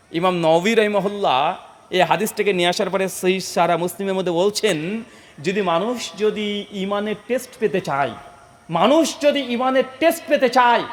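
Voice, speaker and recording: A man's voice: sits high, in a large hall. A male preacher, telling religious stories dramatically and asking his listeners questions. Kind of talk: sermon.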